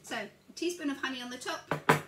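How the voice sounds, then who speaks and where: An older woman with a high voice talks at a moderate pace over loud music, chatting her way through a breakfast recipe in her home kitchen. As a home cooking vlogger, she narrates each step while working, caught by a camera across the counter amid echoes and clattering dishes.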